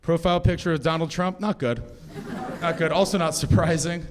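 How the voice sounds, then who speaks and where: A young man doing stand-up on a stage, with a high voice and a wry, self-mocking delivery that keeps slipping into other people's voices. His handheld stage mic carries plenty of background noise from the live room. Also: fairly even intonation, fairly quick, a faint crowd. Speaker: stand-up comedian. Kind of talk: stand-up comedy set. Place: comedy stage with a live audience laughing.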